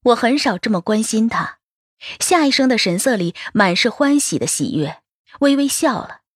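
A woman reading a first-person story aloud as an audiobook narrator, expressive in her telling. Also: fairly high pitch, moderate pace, no room sound, clean studio sound.

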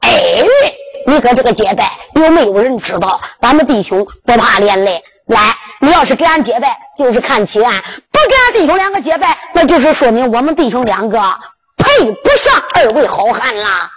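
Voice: medium pitch, very animated, moderate pace, a bit bright. A storyteller with a Henan accent voicing a bluff, good-hearted male prison escort in a Henan zhuizi story. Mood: insistent.

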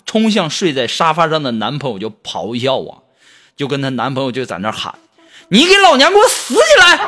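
Animated high-pitched male comic host. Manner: animated, exaggerated, laughing. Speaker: radio comedy host. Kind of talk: comic storytelling.

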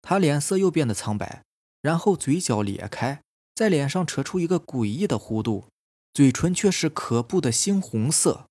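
男性恐怖故事主播，声音略哑，叙述平稳克制，适合夜间讲鬼故事. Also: male voice, on the high side, breathy edge, no room sound. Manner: calm, measured first-person storytelling. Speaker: storytelling podcast host. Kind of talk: scripted horror story narration. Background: faint eerie background music.

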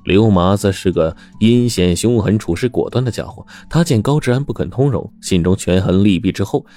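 Deep-voiced male storyteller. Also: moderate pace, faint music behind. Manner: expressive, acting out the dialogue. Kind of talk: dramatic storytelling.

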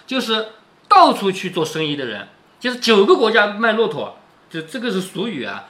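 A man's voice: high voice, huge pitch swings, normal speed, sharp tone. A man reading a classic novel aloud and explaining it in a chatty way, often checking in with the listener. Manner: chatty, keeps asking "right?". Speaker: book reader and commentator.

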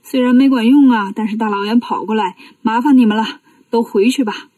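A woman's voice: fairly high pitch, brisk, mellow, no room sound, far from the mic, lightly acted. A woman voicing a brash, brave male monkey king hero in a children's storybook reading. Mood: weary.

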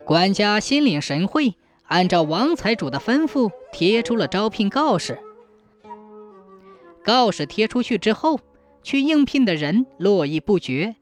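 Storyteller, folk tale narration, animated pitch, faint background music. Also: unhurried. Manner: lively, expressive storytelling.

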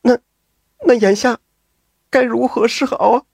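A man voicing a frightened, tearful young woman who stammers and pleads in a raised falsetto. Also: expressive, measured pace, a little mellow, dry recording.

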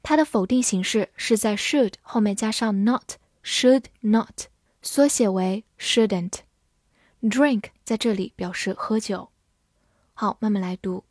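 A woman teaching English vocabulary in Chinese. She spells each word letter by letter and reads the example sentences slowly and carefully. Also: medium pitch, darkish tone, dry recording, studio quality.

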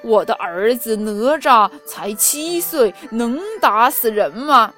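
A woman voicing a calm, stern father who speaks measured and doubting in a storybook tale. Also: fairly high pitch, soft background music.

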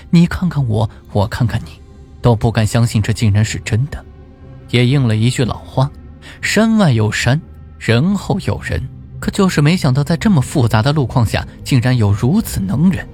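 A male storyteller narrating with an expressive, suspenseful delivery, his pitch rising and falling a lot. His voice sits at a middle pitch, and soft music plays quietly behind him. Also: normal speed. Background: faint music.

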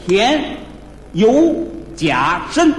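A man performing stage crosstalk comedy, bantering and trading riddles with quick comebacks. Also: high-pitched, big pitch swings. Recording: echoey hall with faint hiss.

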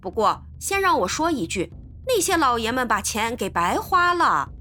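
A woman voicing a hot-tempered, loyal young male servant in a storybook reading, speaking in loud indignant outbursts. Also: extremely high pitch, very animated, moderate pace, soft background music, full character voice. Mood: impatient.

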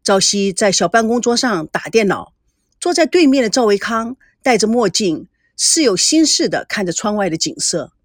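A woman narrating an audiobook, her pitch moving freely up and down as she tells the story. Her voice sits in a middle pitch range and sounds dry and close, with no room around it. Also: normal speed, no echo. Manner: expressive, storytelling.

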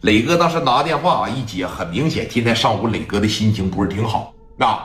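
A man narrating a gangster story in a brisk, colloquial, vivid way. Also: lowish voice, expressive, fairly bright tone. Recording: echoey room, faint music.

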